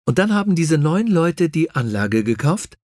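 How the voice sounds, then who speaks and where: A man's voice: on the high side, big pitch swings, moderate pace, darkish tone, dry recording, studio quality, voice pushed up. A man voicing a cheerful, tactful young female assistant in an audiobook, polite and helpful.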